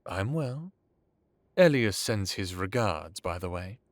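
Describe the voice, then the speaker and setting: In an audio drama, a man plays an ancient, courtly vampire lord, calmly authoritative and using formal, genteel phrasing with a wry mood. His voice is deep and slow, heavily acted, with no echo.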